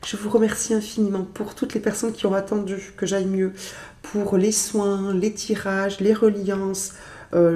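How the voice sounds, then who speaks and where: A woman, stuffy with a cold, reads tarot in a gentle, chatty way, full of small fillers. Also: medium pitch, echoey room. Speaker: tarot reader. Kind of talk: casual tarot reading to camera.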